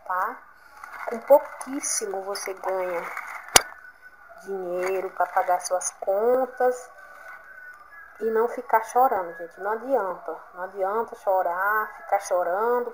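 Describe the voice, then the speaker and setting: A woman's voice: mid-range voice, poor audio. A Brazilian woman talks through a casual craft tutorial from home, upbeat and encouraging. Her voice sits in a middle range, and faint background noise runs under the recording. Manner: chatty, encouraging, keeps saying "gente" and "olha". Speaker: crafts vlogger.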